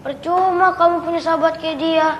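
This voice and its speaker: A woman's voice: very high voice, fairly even intonation, moderate pace, a little hiss or hum. A woman playing a cheeky nine-year-old boy who teases and provokes the other children, in film dialogue. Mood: teasing. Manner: teasing, provoking.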